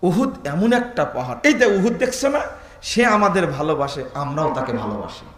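High-pitched preacher guy, dramatic storytelling sermon, big echoey hall. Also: big pitch swings, moderate pace. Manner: dramatic storytelling, swinging from hushed to shouted.

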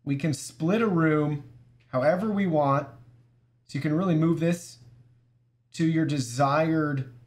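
A man giving a relaxed, casual walkthrough of an app as a product reviewer, chatting directly to his viewers. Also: on the high side, unhurried, long pauses. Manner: easygoing, talks to viewers as "guys".

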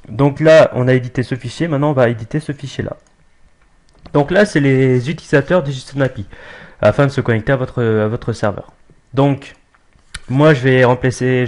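A young man talks through a software setup on screen in a relaxed, offhand way. He hesitates often, restarts phrases and fills gaps with "euh". His pitch sits in the middle of the usual range for a man. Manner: casual, hesitant, many fillers and restarts. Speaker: tutorial maker. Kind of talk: screen-recorded software tutorial.

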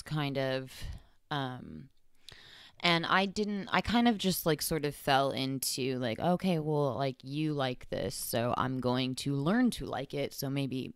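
A woman's voice: very deep voice, clear, resonant tone, no room sound, clean studio sound. A young woman from Texas hosting a podcast, talking on her own in a rambling way, full of fillers and self-corrections. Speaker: podcast host. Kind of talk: casual solo podcast monologue.

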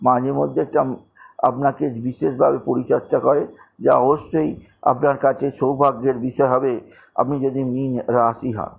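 A man's voice: mid-range voice, flat delivery, normal speed, gravelly, breathy edge. A middle-aged man gives a monthly horoscope talk as an astrologer, often repeating words and restarting as he goes. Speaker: astrologer hosting a horoscope channel.

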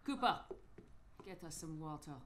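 A woman's voice: low-pitched, expressive, normal speed, a bit bright, a little hiss or hum. An actress voicing a stern female overseer who interrogates and gives harsh commands. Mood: commanding.

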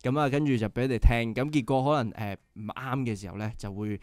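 Recorded dry at studio quality, the young Hong Kong Cantonese-accented guest talks quickly in a mid-range, darkish voice. He's a band member on a relaxed radio show, explaining earnestly and leaning on many filler sounds.

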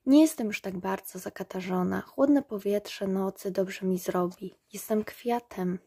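Woman doing a proud little rose, gentle, soft, kinda husky. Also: medium pitch, unhurried. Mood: tender. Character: proud delicate female rose, tender.

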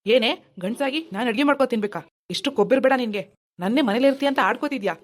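A woman's voice: a little high, rapid-fire, close to an everyday voice. A woman voicing a lazy, bossy husband in a cartoon, who turns panicky when frightened. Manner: bossy, then panicky and pleading. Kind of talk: animated cartoon voice acting.

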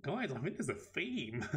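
A British man streams a game live and talks through it in a chatty, excitable way. His voice sits a touch on the high side for a man. He speaks into a desk microphone. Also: takes it slowly, slight background noise. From United Kingdom. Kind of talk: live gameplay commentary.

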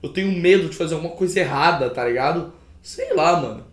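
Brazilian man, young, streamer reaction talk, slangy and swearing, fairly high voice, roomy echo. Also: fast talker. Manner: animated, slangy storyteller who swears freely. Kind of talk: casual reaction commentary. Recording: roomy echo, faint background noise.

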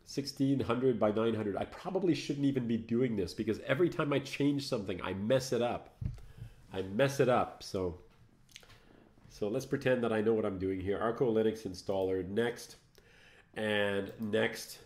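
A middle-aged French Canadian man hosting a casual live tech show, chatty and self-mocking, laughing often as he works. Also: fairly low pitch. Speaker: host. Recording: roomy, echoey room sound.

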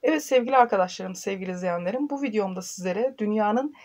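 A young woman hosting her own channel, reading a biography to camera from close to a phone indoors, with steady delivery and hesitant filler pauses. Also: mid-range voice. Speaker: channel host.

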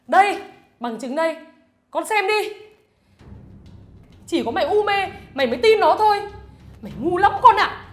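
A woman's voice: animated, moderate pace, long pauses, fairly bright tone. A woman playing a scornful, scheming mother-in-law who nags and wails melodramatically. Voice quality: shrill, scornful, melodramatic wailing. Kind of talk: web drama acting.

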